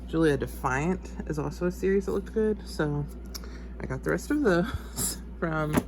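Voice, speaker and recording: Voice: mid-range voice, lively intonation, measured pace, vocal fry, noisy background. A book haul vlogger from Texas with a congested, sniffly voice, chatting casually and rambling into asides and self-corrections. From Texas, United States. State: sniffly, stuffed-up nose. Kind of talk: casual chat.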